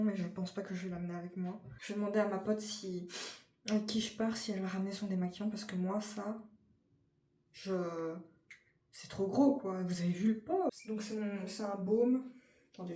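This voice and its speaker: A young woman with a French accent chats informally to her viewers, starting sentences over and filling gaps with little hesitations. Her voice is mellow and rather dark. The room sounds echoey, with a faint hiss of noise behind her. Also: mid-range voice. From France. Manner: chatty, informal, frequent fillers and restarts. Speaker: vlogger. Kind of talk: casual vlog chat.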